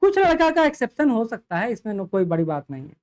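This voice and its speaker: A man's voice: very high voice, huge pitch swings, quick pace, a little mellow. A man, a coaching teacher giving an emphatic exam analysis lecture and speaking directly to students. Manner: emphatic, repeats figures, addresses students directly.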